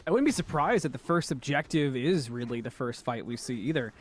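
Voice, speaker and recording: A man's voice: mid-range voice, expressive, a little fast, faint music behind. A man casting an esports match with play-by-play commentary and jokey banter. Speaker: esports caster.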